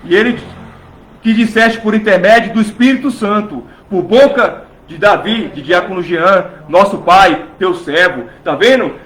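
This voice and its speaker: A man's voice: high voice, fairly bright tone, reverberant, poor audio. A man preaching a fervent sermon in a church, pressing his listeners with rhetorical questions and acting out what imagined churchgoers say.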